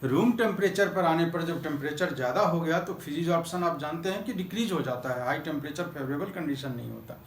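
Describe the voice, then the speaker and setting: A man's voice: on the high side, fast talker, hardly any pauses. A man teaching a chemistry class in a Hindi-accented voice, mixing English terms into his Hindi and asking questions that he then answers himself. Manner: calls students "beta", asks and answers own questions. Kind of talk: classroom lecture. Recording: echoey classroom with faint noise.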